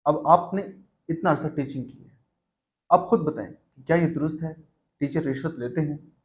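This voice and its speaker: A man hosting a mock interview in a comedy sketch, speaking in a measured, formal way that turns stern when he scolds his guest. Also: on the high side. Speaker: host.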